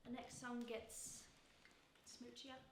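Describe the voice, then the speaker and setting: A woman acting in a short film, speaking gently, hesitantly and apologetically. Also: on the high side, flat delivery, slow. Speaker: actress. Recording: echoey, distant mic, faint hiss.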